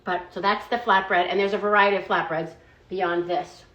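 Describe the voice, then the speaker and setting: A woman's voice: medium pitch, fairly even intonation, moderate pace, a bit bright, muffled recording. Chatty woman in a roomy echo. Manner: chatty, fillers of "like" and "um". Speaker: food product reviewer. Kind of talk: casual product review vlog.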